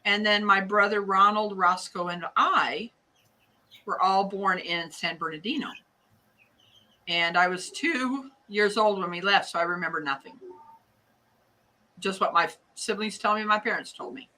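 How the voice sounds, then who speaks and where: An older woman with a Midwestern American accent and a bright, forward voice at an average pitch. She talks casually and ramblingly, in a folksy way, like someone teaching a craft live. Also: a little slow, pauses often, poor audio. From United States. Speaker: hat loom craft class teacher. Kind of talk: casual live tutorial chat.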